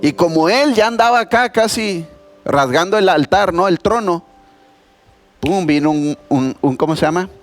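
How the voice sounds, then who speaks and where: A man preaches in a church, his voice pitched somewhat high. He talks to the congregation like friends and tells stories with lively energy. Faint instrumental music plays under him. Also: moderate pace. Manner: conversational, animated storytelling with voiced quotes. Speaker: pastor. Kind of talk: sermon.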